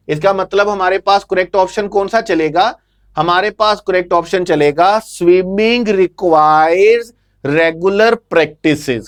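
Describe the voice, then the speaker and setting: Pakistani urdu accent guy teaching english grammar, highish voice, asks himself questions and answers them. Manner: calls students "bete", reads English options slowly. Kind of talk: exam answer discussion lesson.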